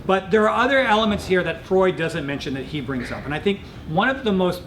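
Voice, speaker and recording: Middle aged guy professor giving a lecture, voice a bit on the high side, thoughtful, noisy rumbly recording. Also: animated, brisk, a bit bright. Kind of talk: lecture, explanatory teaching. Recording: echoey room with clear rumbling noise.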